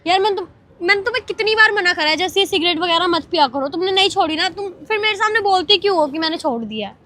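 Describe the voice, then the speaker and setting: A woman's voice: very high voice, lively intonation, fast, pushed and bright, a little hiss or hum. A young woman scolding and pleading with her partner in a casual vlog, her voice rising as she argues. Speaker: vlogger. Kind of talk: casual argument on a prank vlog.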